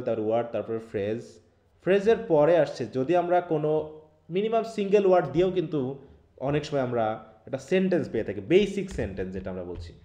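A slightly high, mellow-voiced man with a Bangladeshi Bengali accent gives an online English lesson in an echoey room. He takes students through it one step at a time and keeps engaging them by asking questions.

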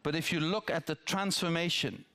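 A man's voice: fairly high pitch, fairly even intonation, moderate pace, pushed and bright. An older man from the Netherlands, a politician answering audience questions on a theatre stage through a headset mic, thoughtful, with restarts and asides. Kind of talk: town-hall dialogue.

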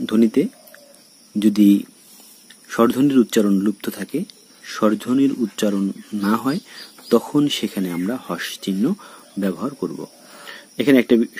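In a recorded lesson, a man who lectures at a college in Bangladesh addresses his students directly, explaining at a slow pace and going over example words again. His pitch is fairly low, his tone warm and slightly rough.

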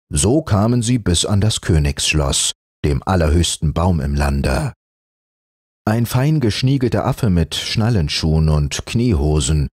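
A man narrating a fairy tale as an audiobook, in a warm, expressive storytelling manner. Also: low-pitched, husky, no echo, studio quality.

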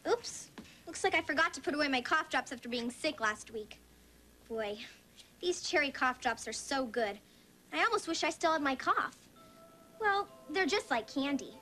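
A woman's voice: high voice, animated, normal speed, sharp tone, faint music behind. A woman voicing a curious young girl who talks to herself and to her cat. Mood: musing.

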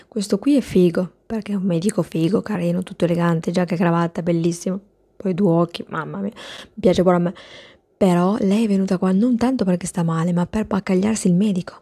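A woman's voice: lowish voice, fairly even intonation, a little fast, mellow, husky, no room sound. A woman voicing a rude, jealous female medical assistant in a comic whispered role-play, talking bossy and scornful.

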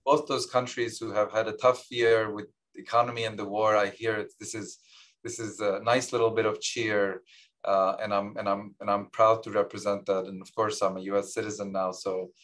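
Joining by webcam from an office with a big window, a man raised in Lebanon whose first language is Armenian appears as a Nobel laureate guest. His fairly low, slightly bright voice is flat at normal speed, and he talks modestly with frequent fillers and restarts.

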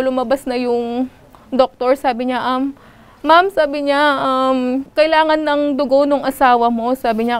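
Young widow interviewee, high tearful voice, retells events by quoting others. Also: female voice, clean tone. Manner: tells events by quoting others, frequent "sabi niya". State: tearful, voice breaking. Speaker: widow of a shooting victim. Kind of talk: emotional interview recounting loss.

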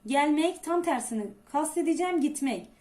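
A woman teacher with a high voice takes a class through a lesson. She keeps asking rhetorical questions and then answers them herself. She spells out each point slowly and with stress. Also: lively intonation, warm tone. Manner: asks many rhetorical questions; slow, stressed explanations. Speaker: Turkish teacher.

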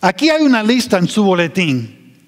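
Man preaching, high voice, slow emphatic delivery, long church reverb. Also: very animated. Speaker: pastor. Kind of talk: sermon.

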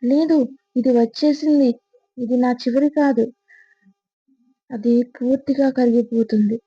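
A woman's voice: on the high side, fairly even intonation, slow pace, slightly rough, no room sound. Woman voicing a menacing shadow jinn. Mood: raging. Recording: slightly muffled, faint music behind.

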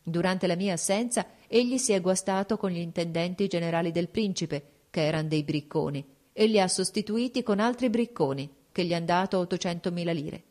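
A woman's voice: on the low side, fairly quick, few pauses, a little mellow, lightly acted. A woman reading an audiobook, voicing a shrewd, composed court duchess who speaks frankly and persuasively.

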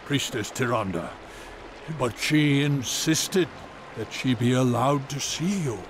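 A slow, deferential night elf sentry. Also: male voice, medium pitch, background noise. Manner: polite, deferential. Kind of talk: video game cutscene voice acting.

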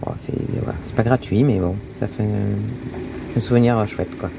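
Gravelly woman vlogging outdoors in wind. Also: rumbling low, steady tone, moderate pace. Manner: chatty, with frequent hesitations and laughs. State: a little out of breath from walking. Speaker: travel vlogger. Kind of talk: casual travel vlog commentary. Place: outdoors in a windy hilltop town. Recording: loud wind noise on the mic.

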